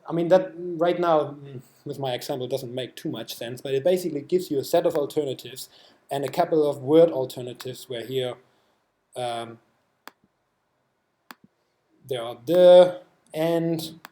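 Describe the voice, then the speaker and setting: A man with a German accent presenting software at a developer meetup, explaining a live demo with many fillers and restarts. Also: medium pitch, roomy sound. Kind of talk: technical talk with live demo. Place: meetup room.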